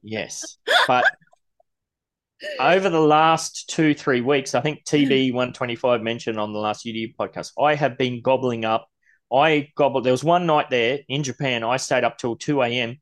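A man's voice: medium pitch, fairly even intonation, normal speed. A man from Australia, co-hosting a podcast, ranting bluntly and swearing, with an occasional lisp when he gets worked up. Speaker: podcast co-host. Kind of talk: casual ranting chat.

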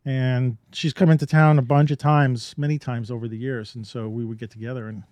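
A man's voice: medium pitch, little pitch movement, a little fast, darkish tone, no echo. A man co-hosting a podcast, talking in a loose, rambling way with lots of fillers and restarts. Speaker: podcast co-host. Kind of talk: casual chat.

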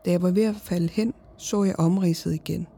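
A woman narrating a horror story in the first person, in a slow, hushed and often whispered voice. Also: on the low side, fairly even intonation, creaky, husky.

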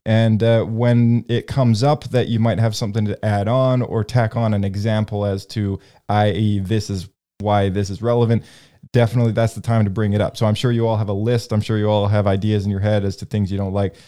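A man's voice: lowish voice, level tone, a little fast, warm tone. A man hosting a casual group discussion, rambling with lots of ums and restarts. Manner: rambling, many fillers and restarts. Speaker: podcast host leading discussion.

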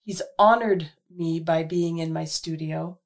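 Woman, radio host, hoarse and husky, lowish voice, chatty and earnest. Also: fairly even intonation, a little slow. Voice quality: husky, gravelly. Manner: chatty, earnest, many fillers. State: hoarse from illness. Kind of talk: casual radio monologue.

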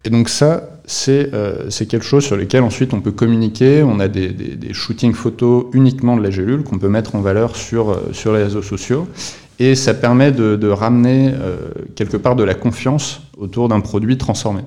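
Male podcast guest, dark and low, talks slowly around the point with lots of hesitation. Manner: explanatory, many fillers and restarts. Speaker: podcast guest, company representative. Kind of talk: podcast interview.

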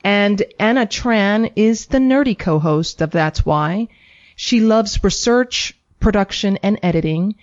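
A female radio co-host who introduces her guests and asks them questions in a brisk, friendly manner. Her voice sits at a middle pitch, and the recording is somewhat dull and muffled. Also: animated. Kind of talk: radio interview.

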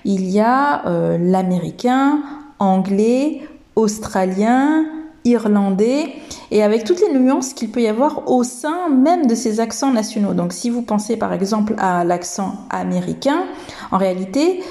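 A woman hosts a podcast lesson with a mellow, warm voice. She speaks slowly and hesitantly, pausing on fillers as she explains. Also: medium pitch, lively intonation. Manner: slow and hesitant, many fillers. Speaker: English teacher and podcast host.

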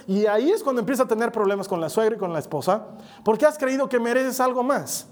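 High-voiced man preaching a conversational sermon. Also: lively intonation, quick pace. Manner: conversational, checks in with listeners by asking "right?".

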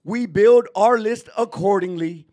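A Texan man with a high-sitting, dark-toned voice speaks unhurriedly while co-hosting a casual boxing podcast. He argues emphatically in a ranting, repetitive way during this easygoing sports debate.

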